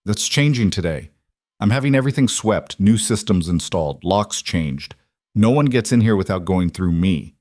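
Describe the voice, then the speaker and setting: A man's voice: fairly low pitch, animated, normal speed, darkish tone, no room sound, clean studio sound, lightly acted. A man reading the lines of a young mafia boss husband, tense, clipped and firm. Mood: strained.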